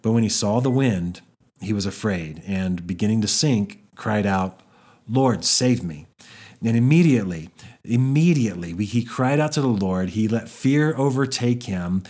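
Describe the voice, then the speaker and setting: Low-voiced man teaching the Bible. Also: animated, moderate pace, warm tone. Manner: conversational, with frequent restarts and fillers.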